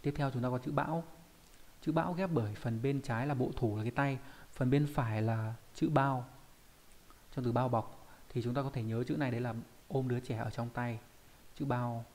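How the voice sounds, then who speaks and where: A man's voice: mid-range voice, fairly even intonation, normal speed, a little mellow. A man with a Vietnamese accent teaching a Japanese kanji lesson online, explaining each character step by step and often checking in with his students.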